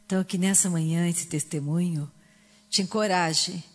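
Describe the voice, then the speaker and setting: A pastor preaching fervently after a testimony, repeating phrases in quick bursts. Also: male voice, high-pitched, fairly even intonation, big-room sound. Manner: fervent, rapid repetition of phrases. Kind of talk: sermon.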